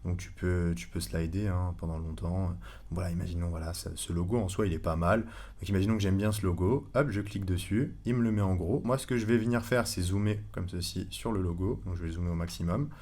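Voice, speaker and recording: A man giving a casual screen-recorded tutorial, chatty and relaxed, with many fillers and self-corrections. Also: sits low, fairly quick. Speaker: online course instructor.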